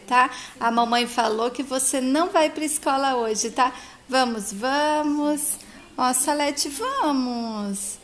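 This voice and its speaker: A gentle, caring friend coaxes a sad child out of bed in soft, tender tones, voiced by a woman storyteller. Her voice is high and warm-toned in manner.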